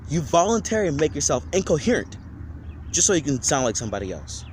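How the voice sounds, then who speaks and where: A man's voice: a little high, very animated, fast talker, a little hiss or hum. A man on a casual vlog giving an off-the-cuff rant, slangy and profane, rambling with many restarts. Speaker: vlogger.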